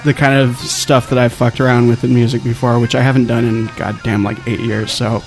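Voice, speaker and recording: A man's voice: medium pitch, level tone, brisk, soft background music. A man co-hosting a podcast in casual chat, joking and swearing freely. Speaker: podcast co-host.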